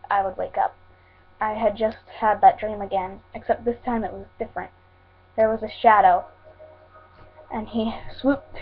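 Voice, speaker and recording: A woman reading fan fiction aloud in a plain, steady way, with small slips now and then. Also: mid-range voice. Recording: tinny phone-like sound.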